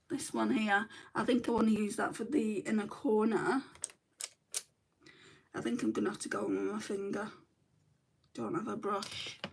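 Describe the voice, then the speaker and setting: During a makeup livestream, a middle-aged northern English woman chats away, reads comments aloud and mutters to herself while working, mentioning that her back hurts. Her manner is chatty and self-deprecating, and her medium-pitched voice has vocal fry and sounds slightly rough.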